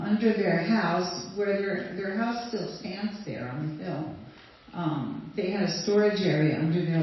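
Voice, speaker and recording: An older Swedish woman with a lowish voice shares memories as a guest speaker, telling an audience casual, rambling stories with fillers and light laughs. The recording is distant, dull and very roomy, with slight background noise.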